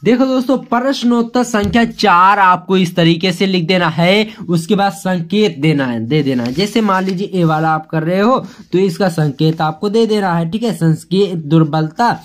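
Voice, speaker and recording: A teacher giving an exam-prep lesson. The teacher speaks to students as friends, checks in often, and reads quoted passages and verse slowly and deliberately. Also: mid-range voice.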